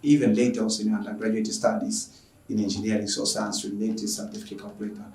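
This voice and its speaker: A man's voice: fairly low pitch, level tone, fast, a little mellow. A man from Tanzania, a math teacher, earnestly closing an online lesson and asking viewers for donations. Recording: echoey room, noisy from far off.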